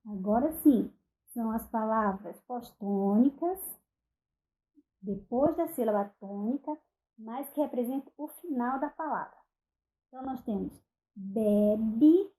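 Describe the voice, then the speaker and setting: A woman with a Brazilian Portuguese accent giving a recorded online phonetics lecture, speaking deliberately, spelling out example words one at a time and checking in with "ok?". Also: on the high side, mellow, poor audio. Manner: frequent "ok?" check-ins and self-corrections. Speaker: university lecturer.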